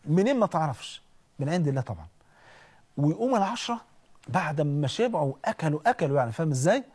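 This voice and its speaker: A man with an Egyptian accent preaching in an animated, conversational storytelling way, often checking in with listeners. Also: a little high, quick pace, husky. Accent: Egyptian Arabic. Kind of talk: storytelling sermon.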